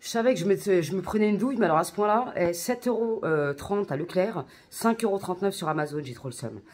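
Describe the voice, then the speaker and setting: A woman chatting casually to her viewers in a vlog about hair care and shopping, slangy and quick to rant. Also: medium pitch, animated, a little mellow, a little hiss or hum. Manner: addresses viewers directly. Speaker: beauty and haircare vlogger.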